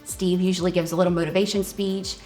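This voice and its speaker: A woman's voice: on the low side, little pitch movement, fast, loud music behind the voice, over a noisy crowd. A woman narrating a competition show in a matter-of-fact, explanatory documentary voice-over.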